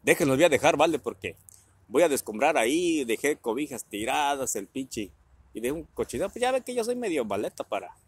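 A Mexican man from Guerrero spins casual family anecdotes, laughing often and peppering his talk with crude slang. His voice is slightly husky and his pitch leaps around as he acts out the people in his stories. The sound is close and dry. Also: sing-song, brisk, no room sound. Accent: Mexican Spanish. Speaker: vlogger telling family anecdotes. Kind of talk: casual storytelling.

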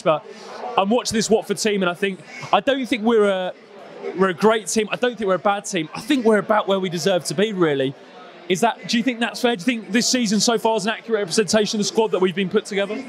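A man's voice: sits high, fast. A young man hosting a casual football chat, steering the talk with questions to his guests on a handheld mic. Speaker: podcast host. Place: small studio set with a painted wall backdrop.

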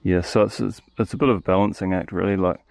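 Gravelly low-voiced man at his sawmill. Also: fast talker. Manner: relaxed, thinking aloud with restarts. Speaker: sawmill operator. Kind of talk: casual first-person narration. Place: outdoor sawmill yard. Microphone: head-mounted action camera.

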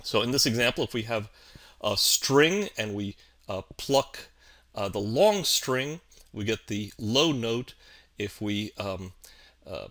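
A man narrating a video tutorial, slow and halting, with many ums and uhs. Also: lowish voice, a bit bright. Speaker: animation physics teacher.

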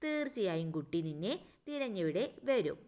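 A woman's voice: medium pitch, big pitch swings, moderate pace, darkish tone, close to an everyday voice. A woman reading as a kind young parrot girl. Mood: caring.

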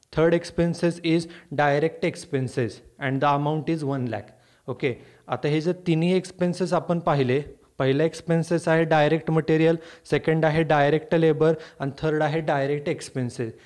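Male lecturer, Marathi accent, slightly high-pitched, deliberate slow pace, repeats each step. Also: darkish tone. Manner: explains step by step, switching between English and Marathi, repeating each point. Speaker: commerce lecturer. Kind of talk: recorded lecture.

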